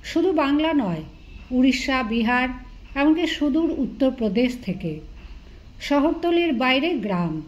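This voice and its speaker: Woman audiobook narrator, high voice, steady literary telling, dull lo-fi sound. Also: unhurried. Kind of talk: scripted narration.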